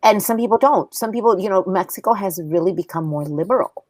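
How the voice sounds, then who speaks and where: A woman in her fifties co-hosting a casual podcast chat as a therapist, talking in a relaxed, meandering way. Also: medium pitch, fast talker, dry recording. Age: 50s. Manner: relaxed, meandering, sleepy morning talk. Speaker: co-host therapist.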